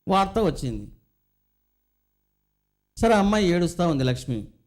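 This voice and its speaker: A man's voice: high-pitched, big pitch swings, normal speed, darkish tone. A middle-aged man, a spiritual teacher, giving a devotional discourse full of stories and rhetorical questions to his listeners.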